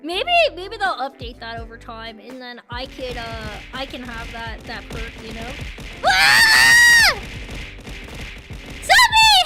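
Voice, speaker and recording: A woman streamer chatting casually with viewers in a cute, playful anime-streamer manner, jumping between excited squeals, loud shouts and quieter muttering. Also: high-pitched. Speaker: streamer and host of a live stream.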